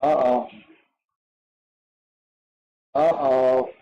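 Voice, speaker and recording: A man hosting a live stream, reacting to a fight in short, excitable bursts and swearing freely. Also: medium pitch, drawn-out words, highs cut off. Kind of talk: casual live watch-along commentary.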